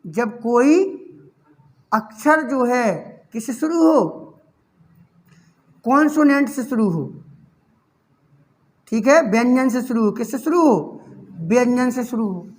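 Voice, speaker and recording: With an extremely high voice, a slow pace, and frequent pauses, a male teacher lectures on English grammar. He asks the class question after question, answers them on his own, and calls the students "child" with affection.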